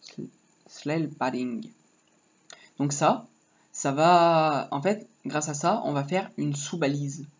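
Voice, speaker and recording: Slow, rambling man teaching coding. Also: on the high side. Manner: rambling, joking asides, talks while typing. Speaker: HTML tutorial teacher. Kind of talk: casual screen-recorded coding lesson. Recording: dull lo-fi mic with faint noise. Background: keyboard typing.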